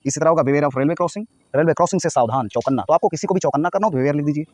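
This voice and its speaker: A man's voice: a little high, very fast, a little mellow. A man from North India teaching everyday English phrases, explaining each one and spelling words out letter by letter. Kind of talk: spoken English lesson.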